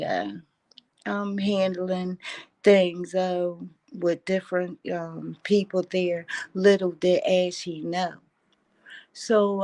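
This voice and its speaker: A woman's voice: lowish voice, vocal fry. A woman tells a rambling story to her vlog audience, often backing up and acting out quotes. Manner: rambling, with frequent restarts and acted-out quotes. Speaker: vlogger. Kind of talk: casual storytelling to camera.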